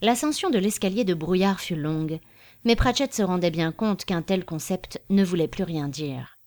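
A woman narrating a story in a measured, expressive reading style. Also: on the low side.

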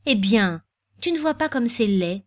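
A woman's voice: mid-range voice, brisk, darkish tone, no echo, clean studio sound, lightly acted. A woman reading as a blunt old servant. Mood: scolding. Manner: pleading then scolding bluntly. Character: old female servant, blunt, motherly, scolding. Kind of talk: audiobook reading.

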